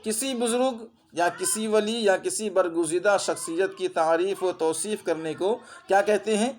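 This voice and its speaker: A male teacher, Urdu accent as heard in India, gives an exam-prep grammar lesson in which he repeats terms and tosses out quick questions to test his students. His voice sits high.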